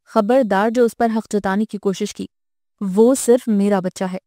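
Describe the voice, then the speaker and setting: A woman's voice: mid-range voice, steady tone, warm tone, no echo, clean studio sound, natural voice. Woman reading a defiant young wife, cold and cutting, storybook. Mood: bitter. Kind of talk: audiobook character voice.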